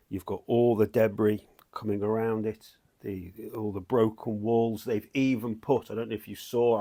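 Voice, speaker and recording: Gravelly guy rambling excitedly about a big collectible, lots of restarts, middle-aged. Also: on the low side. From United Kingdom. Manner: enthusiastic, rambling, with many restarts. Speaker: statue collector vlogger. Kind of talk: excited casual vlog chat. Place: at home, walking between rooms.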